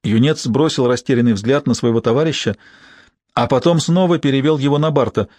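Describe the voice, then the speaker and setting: Male audiobook narrator, measured delivery, middle pitch, dry booth sound. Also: a little mellow, no room sound. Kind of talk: scripted narration.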